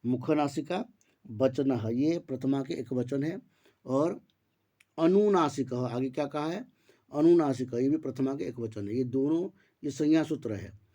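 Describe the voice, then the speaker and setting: A man teaching Sanskrit grammar online, explaining step by step, asking and answering his own questions, and reciting rules slowly syllable by syllable. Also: mid-range voice, warm tone.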